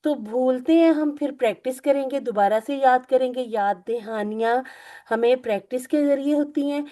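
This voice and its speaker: A woman's voice: high-pitched, normal speed. Woman teaching an online class. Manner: gentle, repetitive teaching with religious phrases. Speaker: Quran and Arabic teacher. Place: online video call.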